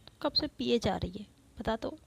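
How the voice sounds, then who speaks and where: A woman narrator voicing a caring young woman who calmly reasons with her friend in a soothing way. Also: fairly high pitch, normal speed, vocal fry, slightly rough, heavily acted.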